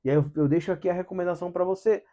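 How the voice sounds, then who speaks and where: A man's voice: high-pitched, steady tone, very fast, mellow. A man hosting a casual spiritual book study in Brazilian Portuguese, talking with animation, asking rhetorical questions and acting out quotes in different voices.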